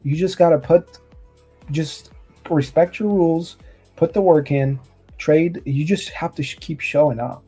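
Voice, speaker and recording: A man's voice: on the high side, a little slow, warm tone, slightly rough, soft background music. A man from Romania, a guest trader, gives earnest motivational advice in casual chat over a video call, often restarting his sentences.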